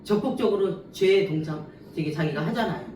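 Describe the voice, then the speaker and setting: A woman preaching at a church revival, telling personal stories with lively acted-out voices and frequent laughter. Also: lowish voice, a little fast, slight background noise. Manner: animated, acts out quoted voices, laughs often. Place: church sanctuary. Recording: echoey church hall, mic at a distance.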